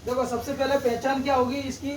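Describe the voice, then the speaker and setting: A man's voice: extremely high pitch, flat delivery, fast talker. Man teaching grammar in an echoey room. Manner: explains step by step, repeats "theek hai" often. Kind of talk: classroom-style grammar lesson. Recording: echoey room, distant mic, background noise.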